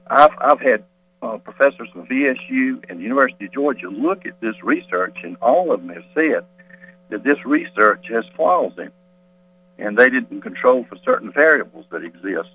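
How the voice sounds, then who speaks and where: A man's voice: medium pitch, husky, dry recording. A school board member calling in to a radio interview by telephone, slightly out of breath, insistent as he rebuts claims point by point. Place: quiet hallway off a meeting. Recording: tinny phone line with mains hum.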